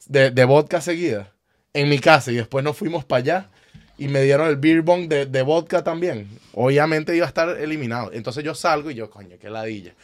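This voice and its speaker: Young man, casual storytelling, animated quoting. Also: a little high, brisk, no room sound. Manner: animated, acts out quotes. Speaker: storyteller in group chat. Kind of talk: casual chat.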